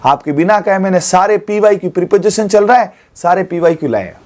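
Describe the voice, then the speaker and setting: Male coaching teacher in his forties, light high voice, coaxing classroom manner, studio lesson. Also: lively intonation, a little fast, a little mellow. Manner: coaxing, keeps checking with students. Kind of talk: exam coaching class lecture.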